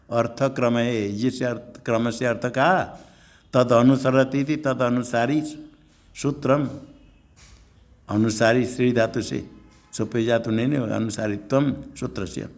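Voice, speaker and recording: An older man and monk giving a scripture class in an ashram, explaining slowly and repeating and glossing each term. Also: medium pitch.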